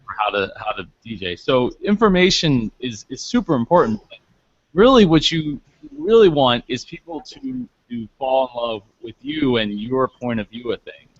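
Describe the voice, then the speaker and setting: A man's voice: medium pitch, sing-song, normal speed, no room sound. Rambling man on a lo-fi call. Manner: rambling, restarts and fillers. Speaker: podcast host. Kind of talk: casual group discussion. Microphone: online call microphone. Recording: dull lo-fi call audio.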